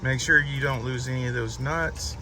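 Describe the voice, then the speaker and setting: A man's voice: mid-range voice, fairly even intonation, moderate pace, background noise. A man giving a patient step-by-step car repair walkthrough, guiding a helper as he goes.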